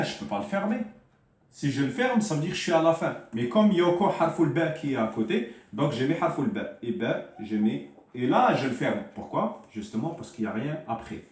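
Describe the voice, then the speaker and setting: A man teaches Arabic writing in a loose, spoken way, often stumbling and repeating himself before spelling out each sound. His voice sits at an ordinary middle pitch and comes from some way off the mic. The room around him rings with echo. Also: darkish tone, far from the mic. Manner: hesitant, repeats words, spells sounds out slowly. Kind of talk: informal spoken lesson at a board.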